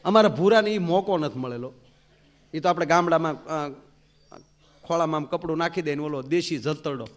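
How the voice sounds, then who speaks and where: A man, a folk comedian, telling jokes on stage and acting out the characters. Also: a little high. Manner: animated, acts out characters, big loud swings. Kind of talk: live stand-up storytelling.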